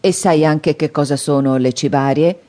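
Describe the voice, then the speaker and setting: A woman reading an audiobook, voicing a menacing, hungry male convict who makes loud threats. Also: low voice, close to an everyday voice. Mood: threatening. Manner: loud, threatening, drawn-out demands.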